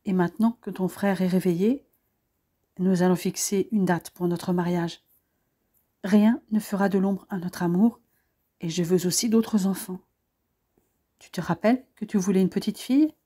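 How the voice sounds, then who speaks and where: A woman voicing a loving young French woman, gentle and affectionate. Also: on the low side, steady tone, normal speed, long pauses, breathy edge.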